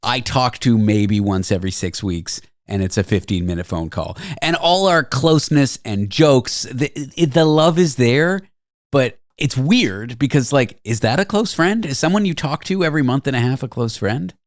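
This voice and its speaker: Man, late 30s, radio host, wry asides, mid-pitched voice, dry studio sound. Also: animated, moderate pace, dry recording. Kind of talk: casual radio interview chat.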